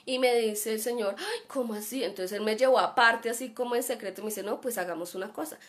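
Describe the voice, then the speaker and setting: A woman's voice: fairly high pitch, fast talker. A woman with a Colombian accent teaching an online class and telling a personal story, acting out the voices of the people in it. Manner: chatty, acts out voices in her story.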